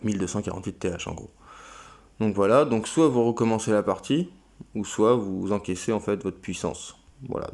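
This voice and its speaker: A man's voice: fairly low pitch, a little mellow. A man, hosting his own channel, walking viewers through a website in a casual, hesitant way with many fillers. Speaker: crypto channel host. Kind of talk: casual screen-recorded walkthrough.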